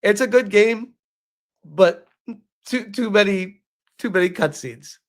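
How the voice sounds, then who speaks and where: Taking it slowly, a man speaks in a voice that sits high. He's a streamer reading and reacting to a game review with live chat, his casual commentary exasperated and sarcastic, with frequent chuckles and swearing.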